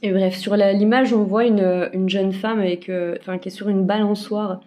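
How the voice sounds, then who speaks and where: Woman card reader, casual forecast, halting with fillers, mellow tone, phone-recorded. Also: mid-range voice, steady tone. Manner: hesitant, many fillers and restarts. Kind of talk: casual weekly energy forecast. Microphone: phone camera.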